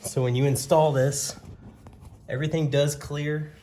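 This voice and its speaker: A man with a somewhat high voice talks a little slowly while giving an informal, hands-on motorcycle walkthrough. He's an amateur reviewer with a plain, faintly hesitant manner, and steady background noise sits under the clear audio.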